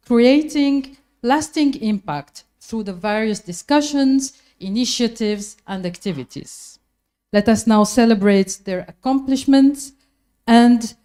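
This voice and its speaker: Woman emcee, warm mellow voice, formal and deliberate. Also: medium pitch. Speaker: ceremony host. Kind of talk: formal ceremony presentation.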